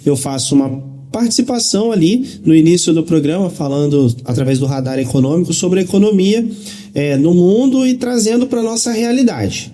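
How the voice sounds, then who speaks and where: A man's voice: high voice, fairly quick. A man hosting a casual interview as a financial educator, asking leading questions with plenty of fillers. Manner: relaxed, asks leading questions with many fillers.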